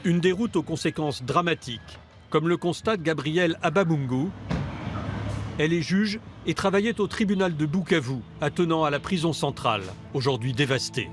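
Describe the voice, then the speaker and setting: Grave male documentary narrator, raised pitch. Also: normal speed. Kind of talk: scripted voice-over narration. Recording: music bed under the voice.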